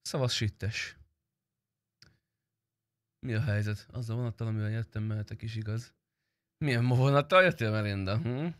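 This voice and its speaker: A young adult game streamer speaks in a lowish, smooth voice right up on the microphone, leaving long pauses, with no echo. His chat is casual and full of slang and swearing.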